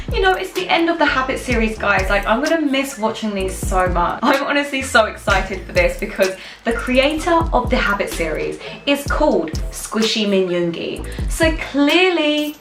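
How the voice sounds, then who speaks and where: A woman's voice: fairly high pitch, roomy sound. A woman vlogger chatting casually as she reacts to a video, bubbly and gushing, laughing often.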